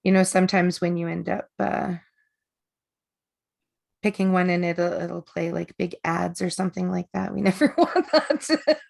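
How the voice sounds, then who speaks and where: Over a video call, a woman leads an energy work class in casual online-class style, chatting and rambling with plenty of fillers and small laughs. Her voice is on the low side, gravelly and creaky, a little mellow, and her pace is measured.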